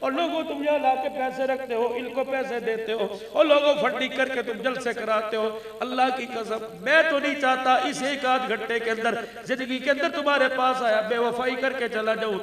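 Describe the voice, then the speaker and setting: A man preaching an impassioned sermon at a large religious gathering, calling out to the crowd with sudden loud rises. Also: extremely high pitch, steady tone, normal speed, hardly any pauses, recorded from a distance. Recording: very echoey loudspeaker hall sound.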